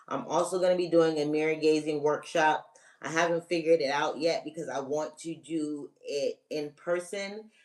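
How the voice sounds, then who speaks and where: Spiritual reader on a live stream walking folks thru a ritual, bossy coaching tone, keeps checking in, mic kinda far off. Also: mid-range voice. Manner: coaching, repeats "okay?" to check in with viewers; emphatic, direct commands. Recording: voice a bit distant from the mic.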